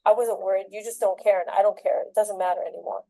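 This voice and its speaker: A woman's voice: mid-range voice, steady tone, fast, vocal fry, mellow, no echo, lightly acted, poor audio. A woman voicing an agitated teenage boy in a story she tells, with curt, accusing outbursts. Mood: angry.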